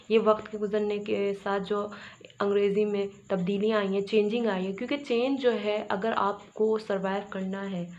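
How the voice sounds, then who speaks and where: A woman's voice: mid-range voice, a little mellow. A woman from Pakistan, teaching an English grammar lesson, repeating words and asking and answering her own questions. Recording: dull, slightly noisy recording.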